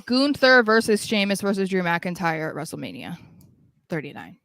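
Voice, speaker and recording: A woman's voice: lowish voice, very animated, moderate pace, vocal fry, fairly bright tone, no echo, studio quality. A woman co-hosting a podcast, mostly chiming in with short agreeing interjections. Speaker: podcast co-host. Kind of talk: casual chat.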